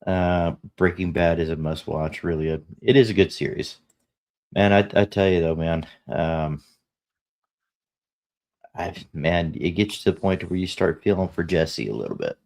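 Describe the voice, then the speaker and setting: A man's voice: low voice, normal speed, vocal fry, a little mellow. A man hosting a casual podcast chat, laid-back and rambling with lots of fillers. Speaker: podcast host.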